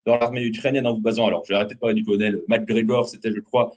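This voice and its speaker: A man's voice: lowish voice, level tone, racing, darkish tone. A man arguing as a debate guest, pressing and repeating accusing questions. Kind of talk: heated televised debate.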